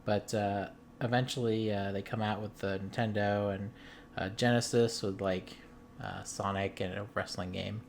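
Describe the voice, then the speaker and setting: A man's voice: on the low side, fairly even intonation, moderate pace, creaky, slight background noise. A man from the US Midwest, a game-collecting vlogger, telling a story in casual chat, rambling with lots of ums and restarts. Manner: amused storytelling.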